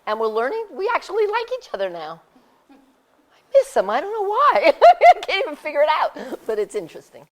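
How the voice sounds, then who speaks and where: A woman in her sixties telling her story in a casual, animated way, laughing often and acting out what people said. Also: high voice, brisk. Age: 60s. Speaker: speaker sharing her experience. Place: community center hall.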